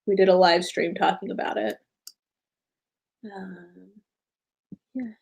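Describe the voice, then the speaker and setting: Woman, American accent, tired, medium pitch, rambling casual live chat, lots of fillers and self-corrections. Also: fairly even intonation, slow, creaky, a little mellow, slight background noise. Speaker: booktube host.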